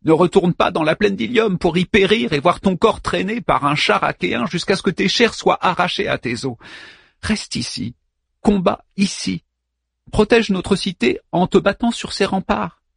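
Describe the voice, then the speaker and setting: A man voicing a desperate young princess who pleads with her warrior husband in a high, strained voice. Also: lively intonation, normal speed, creaky, a bit bright, husky, no room sound, studio quality, exaggerated voice. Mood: pleading. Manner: pleading then fierce and bitter.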